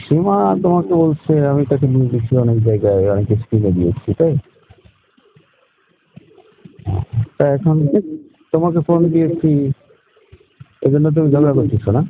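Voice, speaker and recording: A man's voice: a little high, expressive, a little fast, a little hiss or hum, lightly acted. A man playing a defensive young boyfriend who denies and pleads over a tinny phone line. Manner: defensive, pleading, repeats questions back. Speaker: boyfriend in staged phone call. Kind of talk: staged phone-call drama.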